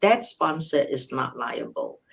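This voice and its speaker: A woman's voice: a bass voice, animated, a little slow, gravelly, fairly bright tone, low-quality recording. An older woman, an immigration lawyer, answering questions live. She explains step by step in numbered points with worked examples, often restarting and correcting herself. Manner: frequent restarts and self-corrections.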